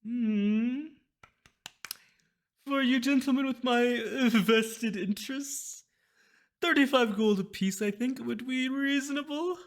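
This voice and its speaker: Sly, high-pitched merchant. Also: male voice, slow, full character voice. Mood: smug, haggling. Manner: sly, coaxing shopkeeper patter with questioning hums. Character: sly, eager merchant peddling magic potions for gold. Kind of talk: in-character tabletop role-play.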